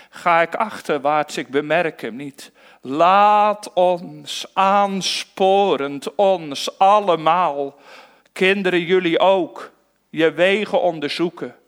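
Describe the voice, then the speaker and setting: A man preaching a sermon to his congregation in a church, slow and earnest, asking many rhetorical questions. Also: fairly high pitch, a bit bright. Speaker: pastor.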